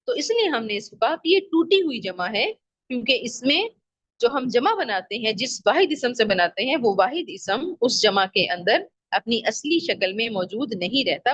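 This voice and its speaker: Woman teacher, higher voice, dry dull recording, patient and repetitive. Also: fairly bright tone, dry recording. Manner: patient, repeats examples slowly. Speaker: Arabic grammar teacher. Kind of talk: online lesson.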